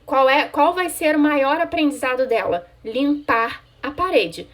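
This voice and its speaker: A woman's voice: sits high, measured pace, a bit bright. A woman, a child psychologist giving parents conversational advice and often checking in with "tá?". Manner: conversational, frequent "tá?" check-ins; answers viewer questions directly.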